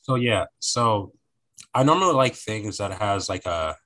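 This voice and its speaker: A man's voice: fairly low pitch, animated, unhurried, bright, forceful tone, poor audio. A young man talking casually on a podcast, rambling and repeating phrases as he searches for words.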